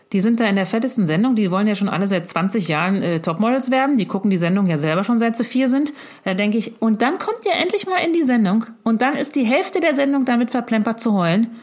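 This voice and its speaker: A middle-aged woman, a mother, talking into a handheld phone to her grown daughter in a casual, effusive and rambling video message. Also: mid-range voice.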